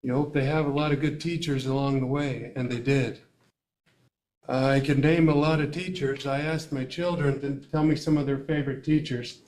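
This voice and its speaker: An older man speaking at a school board meeting, emotional and tearful, rambling with many pauses and fillers. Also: mid-range voice, steady tone, a little mellow. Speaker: parent addressing school board. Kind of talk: public comment at a meeting. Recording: echoey meeting room.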